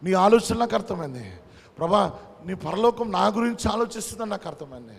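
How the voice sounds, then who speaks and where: A man's voice: high-pitched, lively intonation, a little fast, gravelly, slightly rough, long reverb tail. A male pastor preaching a sermon with emphatic repetition, switching between his own language and short English phrases.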